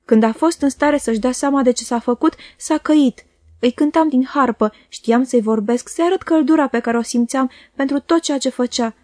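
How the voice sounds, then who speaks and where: In an audiobook, a female reader voices a proud, bitter, jealous young woman who speaks with scornful, impassioned force. Her voice is high-pitched and a bit mellow, recorded at studio quality with no echo.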